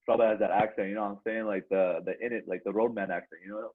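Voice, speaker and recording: A man's voice: lowish voice, steady tone, very fast, slightly rough, phone-quality sound. A young man co-hosting a podcast in casual banter, very slangy, constantly dropping bro, man and like. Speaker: podcast co-host.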